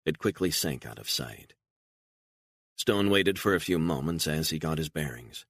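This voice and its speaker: Deep-voiced male audiobook narrator. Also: expressive, moderate pace, fairly bright tone, no echo, clean studio sound. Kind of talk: scripted narration.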